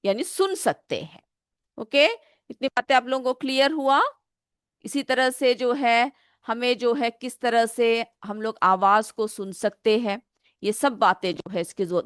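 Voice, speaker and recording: A woman's voice: medium pitch, no room sound, clean studio sound. A woman teaching a school science lesson. She asks the pupils questions and then answers them herself. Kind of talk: classroom lesson, explaining a simulation.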